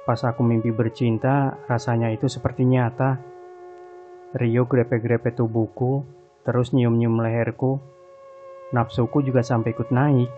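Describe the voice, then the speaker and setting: A man's voice: medium pitch, phone-quality sound, lightly acted. A man voicing a teasing young woman housemate in a spoken horror story, playful and gossipy.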